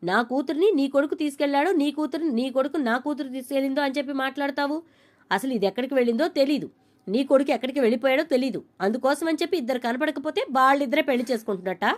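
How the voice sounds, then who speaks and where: A woman's voice: sits high, brisk, pitched above the performer's own voice, natural voice. A woman voicing an angry middle-aged mother who scolds indignantly in a serial retelling. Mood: indignant scolding.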